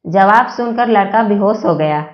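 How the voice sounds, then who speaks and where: A woman's voice: medium pitch, moderate pace, lo-fi sound, very noisy. A woman reading aloud a string of joke stories and laughing heartily at her own punchlines. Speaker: joke narrator.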